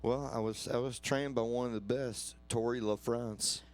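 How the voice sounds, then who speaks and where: Smooth-voiced man sound engineer. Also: mid-range voice, steady tone, normal speed. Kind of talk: casual chat.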